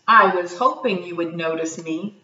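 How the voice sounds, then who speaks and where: Brief: friendly anger monster, read by a woman, coaxing, bright tone, roomy far sound. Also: lowish voice, moderate pace, lo-fi sound. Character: hairy red anger creature, friendly and coaxing.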